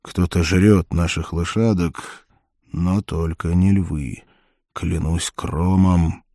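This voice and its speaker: A gruff, fearless barbarian warrior, as a male narrator voices him speaks in short, blunt, scornful phrases. The voice is deep and warm, set down dry and close in an audiobook. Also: fairly even intonation, slow, dry recording, full character voice. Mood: grim, low.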